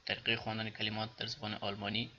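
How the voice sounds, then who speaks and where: A man's voice: on the low side, monotone, pushed and bright, muffled recording, a little hiss or hum. Man teaching German words in Dari. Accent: Afghan Dari. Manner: repeats example words slowly, then explains. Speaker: language teacher. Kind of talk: pronunciation lesson.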